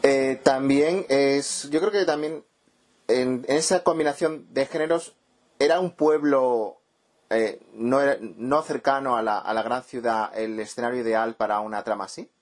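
Hesitant male interviewer. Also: medium pitch. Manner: hesitant, many ehs, slow searching questions. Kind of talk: interview questions.

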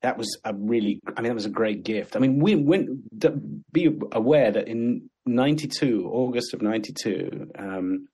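A man's voice: medium pitch, animated, normal speed, hardly any pauses, warm tone, slightly rough. An older man from Sudan, reminiscing in a casual chat with many restarts and frequent laughter. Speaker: actor and guest.

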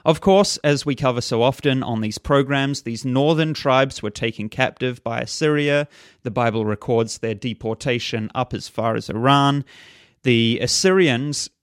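Measured man presenting a dry studio talk. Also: mid-range voice, clean tone, no echo. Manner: measured, reads quotations aloud. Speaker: program presenter. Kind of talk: scripted religious history talk.

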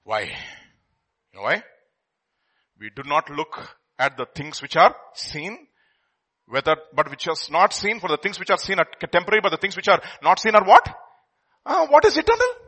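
A man's voice: high-pitched, sing-song, moderate pace, pauses often, a bit bright, husky. A middle-aged man with an Indian accent preaching an impassioned sermon, with emphatic repetition and rhetorical questions. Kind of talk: impassioned sermon with scripture quotes and questions to congregation.

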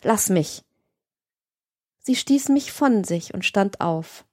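A woman reads a literary audiobook, measured and expressive. Her voice sits at a middle pitch. The recording is dry and close. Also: no echo. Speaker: audiobook narrator.

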